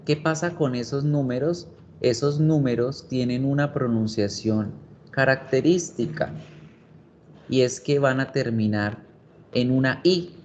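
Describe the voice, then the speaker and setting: Slow, patient male English teacher. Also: medium pitch, darkish tone. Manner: slow, patient, explains step by step. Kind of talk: online class explanation. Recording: dull lo-fi sound, faint background noise.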